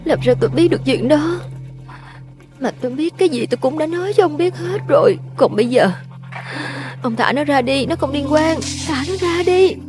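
A woman's voice: sits high, animated, moderate pace, a little mellow, soft background music. An actress playing a terrified young woman held captive, pleading and crying.

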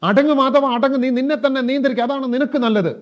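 A man's voice: a little high, fast talker, lightly acted. A man doing a stern father, firm and repetitive. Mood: shouting. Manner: firm, repeats the same calming phrase. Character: stern middle-aged father scolding himself. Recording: dull lo-fi recording.

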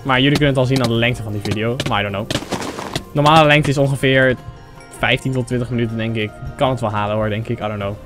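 A young man from the Netherlands with a sore throat, giving excitable casual commentary over a game and talking straight to his viewers. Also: mid-range voice, quick pace, over music. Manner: excitable, mixes English phrases, talks to viewers as 'jongens'. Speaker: gaming YouTuber. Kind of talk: casual Let's Play commentary.

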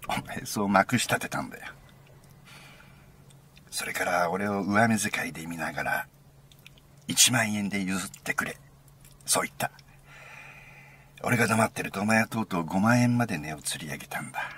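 A man reading a first-person story aloud as an intimate, conversational monologue, sometimes dropping into a hushed near-whisper. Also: low-pitched, expressive, moderate pace, long pauses, a little hiss or hum. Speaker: narrator.

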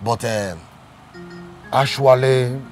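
A man with a Nigerian accent playing an excitable married man in a comedy skit, pleading with his friend in dramatic outbursts. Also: mid-range voice, drawn-out words. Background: music.

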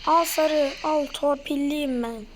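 Talking slowly, a woman with a high, hoarse-throated voice narrates a game for her let's-play video as its host. Her excitable reactions burst out loudly and suddenly, over constant loud game audio.

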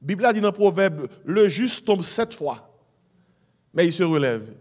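Middle-aged haitian pastor guy, creole accent, fairly high voice, keeps saying amen and hein. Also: very animated, unhurried, darkish tone. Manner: mixes Creole and French, emphatic exhortation with "hein?" and "amen". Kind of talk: sermon.

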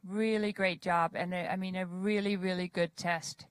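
Female judge giving encouraging feedback. Lowish, steady voice, dry sound. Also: moderate pace, clean tone, no room sound, low-quality recording. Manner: encouraging, repeats words for emphasis. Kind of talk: spoken feedback to a rider.

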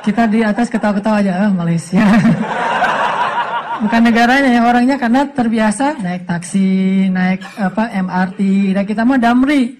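A man's voice: sits high, moderate pace, background noise. A man from Aceh preaching a humorous sermon, telling stories and acting out the voices he quotes. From Aceh, Indonesia. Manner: animated, joking, acts out quoted voices. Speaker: Islamic preacher.

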